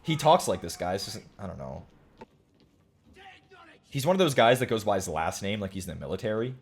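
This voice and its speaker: A man's voice: lowish voice, animated, fairly quick, breathy edge. A man in his late twenties streaming a game, chatting casually and joking while he reads his chat aloud. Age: late 20s.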